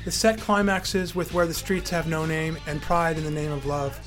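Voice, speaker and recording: A man's voice: fairly high pitch, normal speed, over music. A man narrating his memoir in a wry, dryly humorous way.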